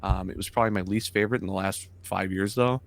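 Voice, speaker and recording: A man's voice: low-pitched, fairly even intonation, fast, vocal fry. A man co-hosting a gaming podcast, talking in an enthusiastic, opinionated casual way. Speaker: podcast co-host. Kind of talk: casual chat.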